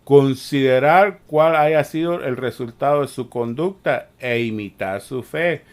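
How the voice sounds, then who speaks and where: A man preaching a sermon, repeating himself and saying "amén" often, growing forceful when he scolds. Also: medium pitch. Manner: slow, repetitive preaching with frequent "amén" and "mire".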